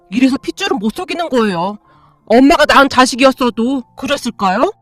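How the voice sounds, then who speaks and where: A bitter grown son who whines and snaps at his stepmother, as a woman reading a story puts him on. He speaks in a high, sharp voice and pushes every demand. The sound is dry and close, with faint music underneath. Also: dry recording. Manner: whiny, confrontational. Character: resentful adult son demanding property.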